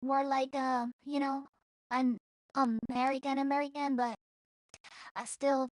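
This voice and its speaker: A woman from El Salvador speaks in English, in a high, flat-sounding voice. She talks slowly and rambles through a casual vlog, blunt and profane, stopping and restarting her thoughts. The sound is dry and close. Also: no echo. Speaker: streamer.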